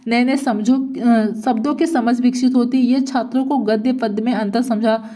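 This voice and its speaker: A woman's voice: a little high, steady tone, normal speed, dark tone. A woman teacher giving an exam-prep lecture, asking rhetorical questions, answering them herself and repeating each point.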